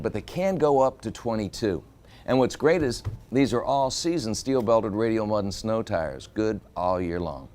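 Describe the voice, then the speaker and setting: A man presenting a car review walkaround, with an upbeat, jokey, salesman-like delivery. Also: on the low side.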